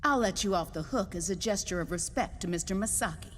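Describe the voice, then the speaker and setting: A woman playing a sharp-tongued, know-it-all schoolgirl in an anime English dub, with a cutting, haughty way of talking. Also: medium pitch, brisk, long reverb tail, slight background noise, lightly acted.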